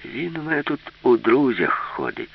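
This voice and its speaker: A man's voice: medium pitch, very animated, moderate pace, vocal fry, a little hiss or hum, voice pushed up. A man voicing a sheepish young film crew member who explains himself awkwardly. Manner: awkward, apologetic. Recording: dull lo-fi recording.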